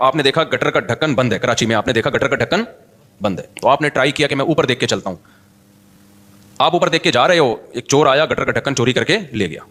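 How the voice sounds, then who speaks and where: A man giving an Islamic sermon, talking in a chatty, animated way, slipping in English words and reciting Quran verses in Arabic. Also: on the high side. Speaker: Islamic preacher.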